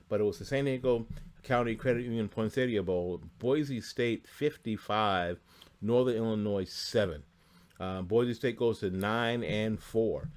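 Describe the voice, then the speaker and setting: A man's voice: lowish voice, darkish tone. A man hosting a sports talk show in a studio, chatting casually through college bowl game scores with asides and frequent fillers. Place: studio near Tampa Bay.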